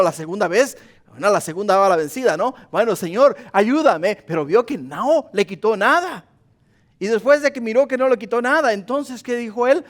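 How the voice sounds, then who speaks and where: A male pastor preaching a sermon to his congregation, whose voice climbs and grows louder on repeated pleas before dropping back low and quiet. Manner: impassioned preaching, rising in pitch and volume on repeated pleas; addresses the congregation as brothers and sisters.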